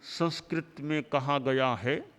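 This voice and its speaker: A man delivering a sermon as a spiritual teacher, in measured, rhythmic lists of short phrases. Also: on the high side, fairly bright tone. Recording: long hall reverb.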